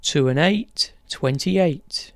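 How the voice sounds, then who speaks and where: A bingo caller announcing numbers in measured, formulaic set phrases. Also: medium pitch, lively intonation, dry recording, clean studio sound.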